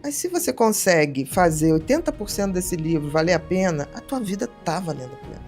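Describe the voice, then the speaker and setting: A middle-aged woman, a psychiatrist telling stories in a casual podcast conversation, lively and acting out the people she quotes. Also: on the low side, fairly quick, faint music behind. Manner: animated storyteller, acts out quoted voices. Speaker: psychiatrist guest.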